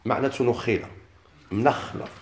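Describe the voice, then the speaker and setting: A man with a Moroccan Arabic accent teaching a lesson, asking questions and chanting verses slowly. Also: mid-range voice. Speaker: Quran recitation teacher. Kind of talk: lesson explaining a classical text. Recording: echoey room with faint noise.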